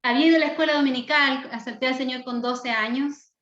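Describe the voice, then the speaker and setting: A woman's voice: sits high, fairly even intonation, quick pace, fairly bright tone, reverberant, muffled recording. A Chilean woman in her thirties, from the south of the country, introducing herself earnestly as a missionary Bible teacher in an online class. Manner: earnest, enthusiastic, fervent.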